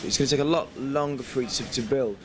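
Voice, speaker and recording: A man's voice: mid-range voice, fast. A man from England, chatting in a casual interview, rambling, swearing and laughing often. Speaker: guest DJ. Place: airport. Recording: noisy location recording.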